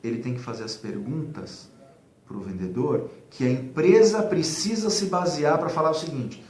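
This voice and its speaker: Animated man giving sales advice, echoey room. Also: fairly high pitch, normal speed. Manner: animated, acts out dialogues, many fillers. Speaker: sales consultant guest. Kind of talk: casual advice talk. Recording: echoey room, faint background noise.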